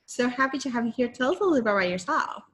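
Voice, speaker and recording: A woman's voice: a little high, expressive, racing, fairly bright tone, husky. Rambling woman podcast host. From Puerto Rico. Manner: rambling, many fillers like "like" and "I don't know". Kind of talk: casual interview chat.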